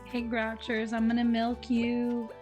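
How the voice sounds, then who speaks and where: A hoarse young woman livestreaming, telling a story in a chatty, laid-back way with lots of "like". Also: on the high side, monotone, a little slow, darkish tone. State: hoarse, losing her voice. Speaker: streamer. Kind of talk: casual livestream chat. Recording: faint music in the background.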